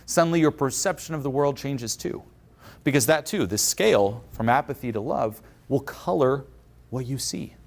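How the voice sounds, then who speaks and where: A man coaching an audience in a motivational conference talk, animated, often acting out the inner voices of the people he describes. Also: medium pitch, normal speed, vocal fry.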